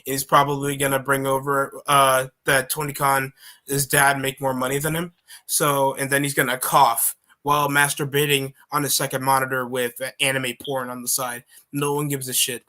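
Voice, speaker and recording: A man's voice: mid-range voice, flat delivery, moderate pace, sharp tone. A man in casual stream chat, talking crude, ranting trash.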